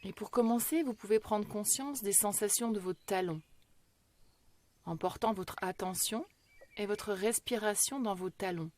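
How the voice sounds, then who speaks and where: A calm woman with a mid-range voice guides a yoga nidra relaxation meditation. She speaks slowly and deliberately, leaving long pauses, in a soothing, gentle manner.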